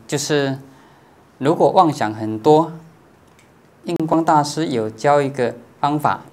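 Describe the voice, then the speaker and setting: This dharma lecture comes from a Buddhist monastic teacher, a man whose voice is on the high side. He explains patiently, pausing often on drawn-out filler particles and checking his listeners' understanding.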